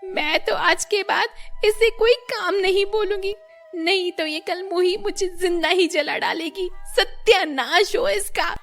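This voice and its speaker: A shrill, squawking old mother-in-law who is half deaf and always scolding, put on by a woman narrating a cartoon. She talks very high and very loud over soft background music. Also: a little slow, exaggerated voice. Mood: wailing. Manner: shrill, scolding, shouts and wails.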